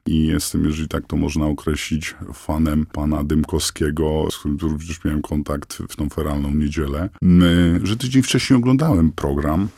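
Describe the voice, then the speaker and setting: A man with an electronically disguised voice, answering a radio interviewer haltingly with many fillers and restarts. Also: fairly even intonation, dark tone, no echo, clean studio sound. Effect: voice disguised, pitched down. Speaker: anonymous father interviewed on radio.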